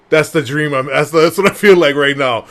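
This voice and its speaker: The panel speaker, a Hawaiian man in his fifties, talks at normal speed in a fairly high pitch. Recounting his story to a group in Pidgin-tinged English, he stays chatty and self-deprecating, laughing often and using plenty of fillers.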